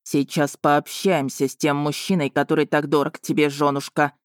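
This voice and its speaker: A menacing male dragon lord sneers through this audiobook scene, voiced by a woman. The voice sits very low and barely moves in pitch, with a snarling, mocking edge. It is recorded close and completely dry. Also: flat delivery, normal speed, no room sound, close to an everyday voice. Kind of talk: audiobook character voice.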